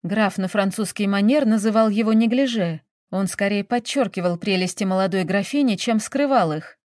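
A woman narrating an audiobook in an even, measured reading voice. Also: medium pitch, no echo, clean studio sound.

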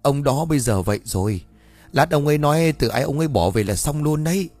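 A man voicing a sharp-tongued middle-aged aunt who scolds in rapid bursts. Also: fairly high pitch, animated, no echo, voice pushed up. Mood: alarmed.

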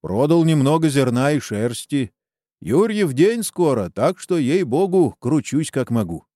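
A man's voice: fairly high pitch, very animated, measured pace, dark tone, dry recording, studio quality, pitched above the performer's own voice. A man voicing a weary, indebted peasant farmer who talks in a rueful, plain-spoken way, in a storybook reading.

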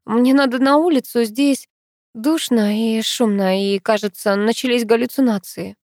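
A woman reading an audiobook who voices a sharp-tongued, flustered young woman with raised, exclamatory lines. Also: on the high side, moderate pace, no echo, studio quality, lightly acted. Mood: fretful. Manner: loud, mocking, exclamatory.

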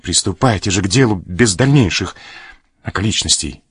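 A man's voice: low-pitched, lively intonation, moderate pace, husky, dry recording, studio quality, full character voice. A man reading aloud as a frightened army major caught in a trap, speaking weakly. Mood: cornered. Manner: trembling, weak, gloomy. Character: frightened cornered major, officer.

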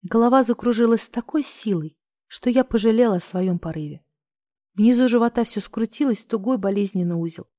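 Woman reading a romance audiobook, mellow warm tone, dry close sound, heartfelt. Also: on the high side, fairly quick, dry recording. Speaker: audiobook narrator. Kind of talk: expressive first-person novel reading.

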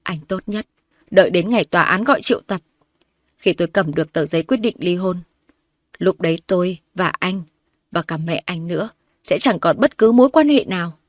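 A woman's voice: mid-range voice, a little fast, no room sound, clean studio sound, lightly acted. A woman narrator voicing a wronged young wife who confronts her in-laws sharply and defiantly.

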